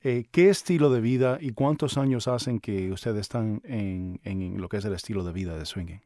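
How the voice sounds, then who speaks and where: A man hosts a podcast, chatting casually and informally with an easy, familiar, joking manner as he talks and interviews. His voice sits on the low side and sounds warm, at a normal speed. The studio recording is clean with no echo.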